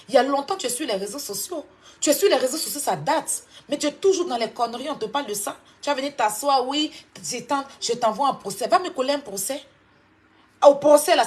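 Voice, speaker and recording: Heated Ivorian woman scolding a rival. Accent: Ivorian French. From Côte d'Ivoire. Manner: confrontational, mocking, swings between loud outbursts and low scolding. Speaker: online commentator. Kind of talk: heated clash monologue.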